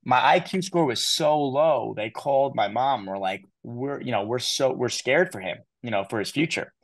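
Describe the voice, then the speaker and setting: A man in his thirties, a guest in an interview, telling his story in an animated way, restarting and quoting others. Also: medium pitch, moderate pace, no echo. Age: 30s. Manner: animated, repeats words, quotes people in his story. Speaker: guest speaker.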